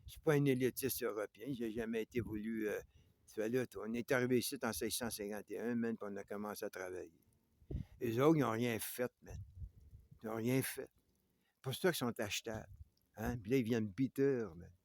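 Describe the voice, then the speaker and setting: A man's voice: fairly low pitch, a little fast, darkish tone. A man with a Québécois French accent in a heated, confrontational monologue, constantly jabbing at an unseen "you" and tagging lines with "man". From North America. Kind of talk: ranting monologue. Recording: noisy clicking background.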